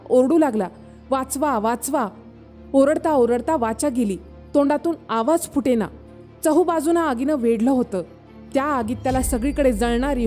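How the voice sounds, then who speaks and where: A woman's voice: high voice, warm tone. Woman narrating a horror story. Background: faint background music.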